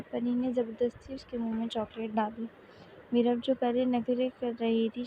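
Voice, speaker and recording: A woman reading a romance novel aloud in a steady, even storytelling manner. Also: on the high side, highs cut off, a little hiss or hum. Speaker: novel reader. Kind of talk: scripted narration of a romance novel.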